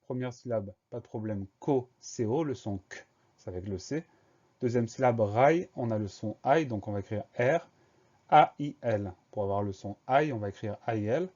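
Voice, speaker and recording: A man teaching a spelling lesson for young schoolchildren, going slowly and spelling each word letter by letter. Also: mid-range voice, a little mellow, lo-fi sound. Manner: slow, spells words letter by letter.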